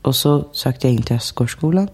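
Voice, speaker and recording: A woman telling stories of her childhood in a relaxed interview, chatty, laughing often and full of fillers. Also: a bass voice, husky. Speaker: guest. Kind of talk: casual interview chat.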